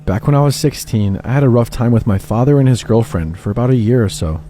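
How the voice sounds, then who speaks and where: A man giving a steady, scripted first-person narration of a true horror story. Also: mid-range voice, fast, soft background music.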